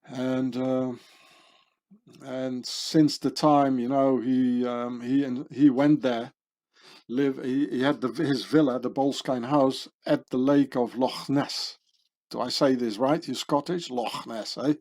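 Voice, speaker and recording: Slow, mellow man rambling on. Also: medium pitch. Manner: meandering, full of fillers and tag questions. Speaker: channel host. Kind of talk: rambling monologue over pictures.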